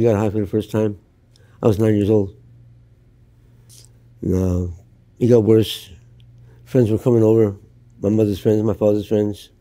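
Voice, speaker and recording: A man's voice: on the low side, mellow. An older man from Canada telling his life story in an interview, blunt and plain-spoken. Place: outdoors in Los Angeles.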